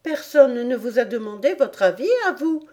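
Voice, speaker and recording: Woman doing a storybook girl, curious, eager, higher and questioning. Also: expressive, measured pace, warm tone. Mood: inquisitive. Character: earnest, inquisitive young girl. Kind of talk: audiobook character voice.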